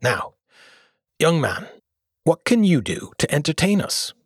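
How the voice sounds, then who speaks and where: A man's voice: on the high side, sing-song, a little slow, husky, dry recording, studio quality, pitched above the performer's own voice, exaggerated voice. A man voicing a huge, irritable old king in a storybook reading, pompous and commanding. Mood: imperious.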